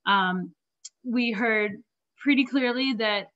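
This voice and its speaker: A woman presenting park design options over slides, losing her voice and often clearing her throat between fillers. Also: on the high side, slow. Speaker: park planner presenting at a community meeting. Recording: dull lo-fi meeting audio.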